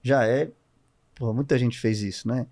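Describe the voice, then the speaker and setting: A man with a Brazilian accent, a guest on a podcast, explaining ideas in an animated, expressive conversational way. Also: medium pitch, unhurried. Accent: Brazilian Portuguese. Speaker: guest entrepreneur.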